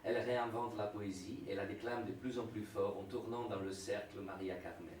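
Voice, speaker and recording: A man's voice: on the low side, fairly even intonation, brisk, a little mellow. Echoey male narrator of stage directions. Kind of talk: scripted narration. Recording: echoey room, distant mic, faint noise.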